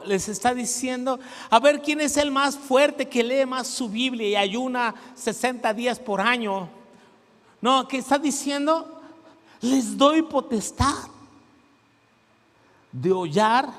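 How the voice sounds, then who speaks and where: A middle-aged man with a Mexican accent preaches in an animated way, acting out stories and leading call-and-response. His voice sits high for a man. A long reverb from the church hall trails behind him. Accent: Mexican Spanish. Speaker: pastor. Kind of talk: sermon. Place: church sanctuary.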